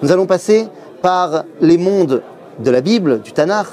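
A middle-aged man teaches Torah to camera from a bustling yeshiva study hall, speaking a little slowly in an expressive, slightly high voice with a darkish tone. He tells it like a story and briefly imitates the voices of those he quotes.

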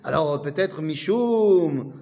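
A man's voice: on the high side, lively intonation, slow, dark tone, long reverb tail. A man giving a casual study lesson, reading old texts aloud and retelling them in chatty, joking speech. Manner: reads Aramaic, then retells it in chatty, joking French. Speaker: teacher.

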